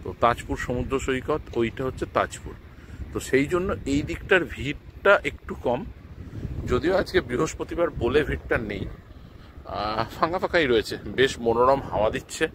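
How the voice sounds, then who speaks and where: A man's voice: mid-range voice, expressive, moderate pace, fairly bright tone, rough recording. A man giving casual, unscripted travel vlog narration outdoors, repeating and rephrasing as he explains, with wind on the mic. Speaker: travel vlogger. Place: open sea beach outdoors, in the wind. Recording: windy outdoor noise on mic. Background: wind and outdoor ambience.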